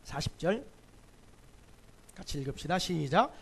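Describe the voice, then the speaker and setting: High, lively male pastor preaching. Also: measured pace, creaky, husky. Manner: emphatic, asks the congregation rhetorical questions. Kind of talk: sermon.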